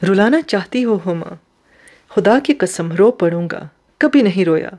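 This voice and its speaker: A woman's voice: mid-range voice, expressive, a little mellow, close to an everyday voice. Woman reading as a tender, earnest young man. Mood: moved.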